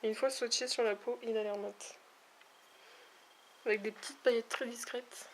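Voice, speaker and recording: A woman's voice: a little high, fairly even intonation, normal speed, slight background noise. A woman reviewing a makeup palette in a casual vlog, talking in a hesitant, chatty way with many fillers. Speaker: beauty vlogger. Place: at home, near a window with backlight.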